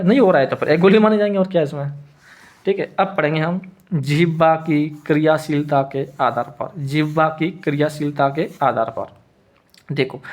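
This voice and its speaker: Hindi man teaching grammar, higher voice. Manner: repetitive, asks and answers own questions. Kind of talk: classroom lesson explanation.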